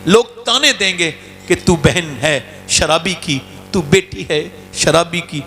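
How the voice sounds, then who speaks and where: A man's voice: lively intonation, pushed and bright, faint music behind. A man preaching an emotional sermon as a dramatic storyteller, acting out the voices in his stories with sweeping rises and falls. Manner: dramatic, acts out quoted voices with big pitch swings. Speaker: Islamic preacher.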